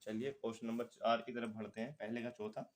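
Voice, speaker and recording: Male math tutor, Hindi accent, mid-pitched, patient step-by-step explainer narrating his working. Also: level tone, fairly quick, slight background noise. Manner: patient, talks through calculations aloud. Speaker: math teacher.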